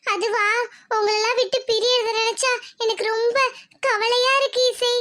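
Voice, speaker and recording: A woman voicing a gentle young female schoolteacher in a cartoon, soft and sad. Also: extremely high pitch, steady tone, normal speed.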